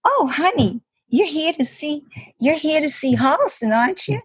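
A gushing young assistant with a Southern drawl, as a woman puts him on, sweet and fawning. His voice climbs far above her usual pitch and swoops in a sing-song lilt. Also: sing-song, normal speed, no room sound. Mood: sweet welcoming.

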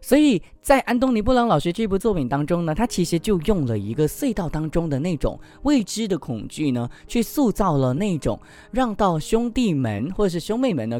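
A man telling a picture-book story aloud with animated, expressive delivery and then discussing it. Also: fairly high pitch.

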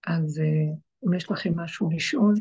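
A woman's voice: fairly low pitch, darkish tone, husky. A woman giving an impassioned spiritual teaching to a group, repeating her phrases for emphasis. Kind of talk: Torah teaching to an online group.

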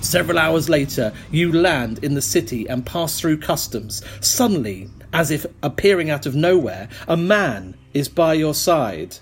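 A man's voice: on the high side, expressive, a little slow, hardly any pauses, slight background noise. A man narrating a choose-your-own-adventure gamebook as host, with jokey asides. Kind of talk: reading a gamebook aloud with asides.

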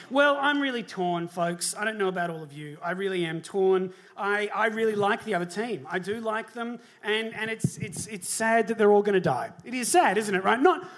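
A man's voice: sits high, a bit bright. A man giving a comic debate speech on stage, mock-sincere, stammering and asking the crowd rhetorical questions. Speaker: comedy debater. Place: comedy venue before a live audience.

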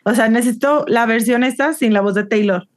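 A woman's voice: on the high side, a little fast. A Mexican woman co-hosting a casual, slangy podcast chat among friends. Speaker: podcast co-host.

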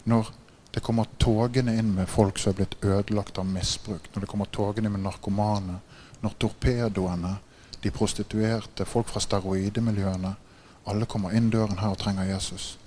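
A man with a lowish voice delivers a sermon, full of stories and little laughs. He keeps turning to his listeners with "right?" and rises in volume when the tale heats up. A faint hum of room ambience stays behind him. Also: few pauses. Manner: laughs often while telling stories; gets louder and higher in excited passages. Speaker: preacher. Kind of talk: sermon with animated storytelling.

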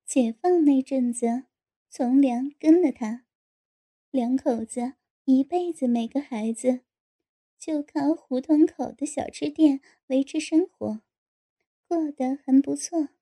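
A woman narrating an audiobook in a steady storytelling delivery. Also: sits high, slow pace.

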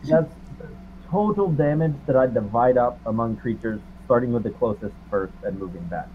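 A man's voice: mid-range voice, moderate pace, phone-quality sound, slight background noise. A man playing a tabletop game, wry and self-deprecating in casual talk. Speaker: player.

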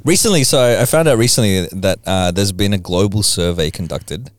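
Aussie guy podcast co-host, deepish voice, dry sound, rambles along casually. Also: fairly quick, dry recording. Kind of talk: casual chat.

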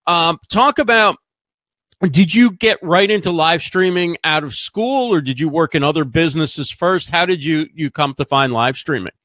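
A man hosting a podcast, asking relaxed, friendly questions. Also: fairly high pitch, normal speed, no echo. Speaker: podcast host. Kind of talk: casual interview chat.

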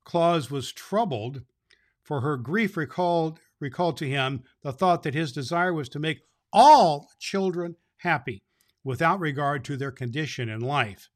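Speaking at a measured pace in a voice on the high side, a man takes the role of Santa Claus. He reads to children and hosts the show, using affectionate, emphatic repeats.

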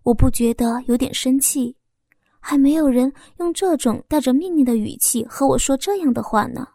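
A woman narrates a first-person romance audiobook in a soft, intimate way. Her voice is high, mellow and breathy. The recording is close and dry. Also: dry recording.

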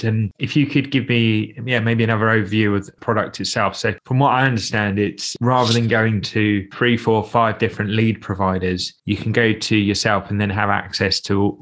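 A man's voice: fairly low pitch, a bit bright. A man hosting a podcast, asking casual interview questions in a polite, informal and affirming way.

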